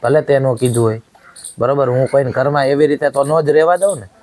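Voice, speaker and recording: A man's voice: mid-range voice, steady tone, fast, darkish tone. Angry man scolding. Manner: scolding, accusing, repeatedly demanding agreement. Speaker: angry husband in a short family drama.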